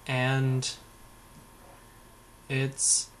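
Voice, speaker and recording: A man's voice: medium pitch, completely flat delivery, very slow, a little hiss or hum. A young man telling a story in a casual vlog, sarcastic and rambling, full of fillers and swearing. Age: young adult. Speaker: vlogger.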